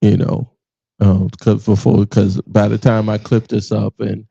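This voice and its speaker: A man's voice: fairly low pitch, flat delivery, unhurried, vocal fry, breathy edge. A man in his forties hosting a podcast, chatting casually, profane and laughing as he tells stories, with a Southern US accent. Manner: loud, profane, laughing storyteller. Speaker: podcast host. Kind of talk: casual chat. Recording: dull lo-fi sound.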